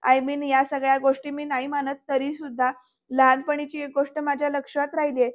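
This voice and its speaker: A woman's voice: sits high, little pitch movement, a little fast, muffled recording, natural voice. A woman reading the lines of a proud, short-tempered young businessman in a serial recap, curt and warning. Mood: stern.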